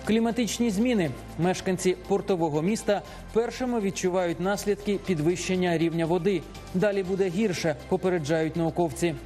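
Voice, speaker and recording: Male correspondent, high voice, steady scripted narration, faint music under. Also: brisk. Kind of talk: scripted news report narration.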